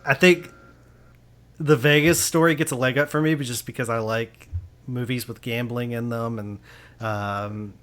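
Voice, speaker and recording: A man's voice: medium pitch, fairly even intonation, normal speed, fairly bright tone. A man hosting a casual movie review podcast. He talks with enthusiasm, laughs often and restarts his sentences. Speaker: podcast host. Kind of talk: casual film review chat.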